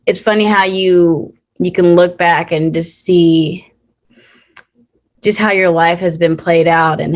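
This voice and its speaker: A young woman speaking in a casual interview, with a somewhat low voice. She talks earnestly and from the heart, often pausing and restarting. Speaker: guest, actor.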